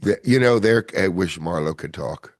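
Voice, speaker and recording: A man hosting a podcast in casual chat, rambling and self-deprecating, with a gravelly voice. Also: sits low, lively intonation, normal speed, no echo, clean studio sound. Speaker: podcast host.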